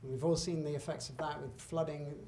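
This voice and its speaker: A man's voice: on the high side, fairly even intonation, a little fast, vocal fry, dark tone. Middle-aged man, guest lecturer, chatty and emphatic, roomy hall with faint background hum. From Britain. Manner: conversational and emphatic, with asides and self-corrections. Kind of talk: public lecture with slides. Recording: echoey hall, faint room noise.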